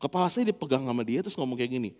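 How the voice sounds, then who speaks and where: A man preaching a lively, playful sermon, acting out little dialogues as he goes. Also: mid-range voice, racing, long reverb tail. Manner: animated, playful, acts out dialogue. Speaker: pastor. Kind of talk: lively sermon with humorous anecdotes. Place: church.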